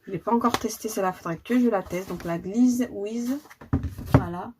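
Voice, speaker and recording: A beauty vlogger casually shows off her makeup collection, chatting with lots of fillers and repeated words. Her voice is medium-pitched at a moderate pace, and there's noticeable background noise.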